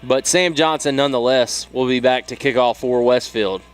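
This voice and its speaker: A man with a Southern US accent calling play-by-play for a high school football game in a steady, measured way. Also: clear, resonant tone, faint music behind. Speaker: play-by-play announcer.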